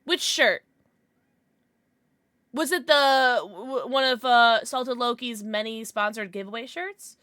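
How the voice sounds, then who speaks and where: A woman livestreamer chatting casually with her viewers in a playful, giggly, excitable manner. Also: fairly high pitch, slow, pauses often, no room sound, clean studio sound. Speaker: live streamer, host.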